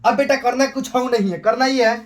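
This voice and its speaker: A man's voice: very high voice, fairly even intonation, a little fast. A young man with a Bihari accent teaching maths in a live class, chatty and scolding, calling his students beta. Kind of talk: casual Hindi live class.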